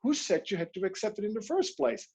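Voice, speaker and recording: This Dutch coach, heard through a video call, has a high, slightly rough voice with vocal fry and a quick pace. He's being interviewed online and tells stories with animated energy, acting out inner voices as he goes.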